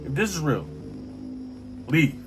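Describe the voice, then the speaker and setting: Brief: slightly high-voiced male reaction host, excitable and profane, music underneath. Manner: excitable, swearing, quick to jump in. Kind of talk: casual reaction commentary.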